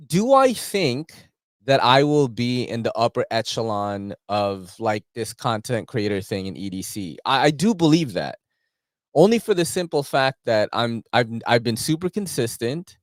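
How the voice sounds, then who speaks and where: A man's voice: medium pitch, no echo, clean studio sound. A man, hosting a casual, rambling knife-channel chat full of slang. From New York City. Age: 40s. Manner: rambling, laughing, slangy with frequent filler.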